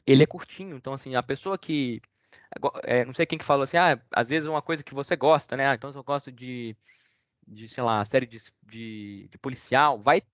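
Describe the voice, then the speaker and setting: A man's voice: mid-range voice, no echo. A man with a Brazilian accent giving a casual online talk, hesitant and rambling with many fillers and restarts. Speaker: guest speaker. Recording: dull, dry lo-fi call audio.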